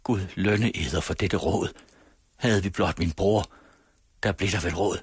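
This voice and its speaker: A man's voice: deep voice, slightly rough, dry recording. A man voicing a distraught young woman who pleads for her father in an old storybook tale. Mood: grateful.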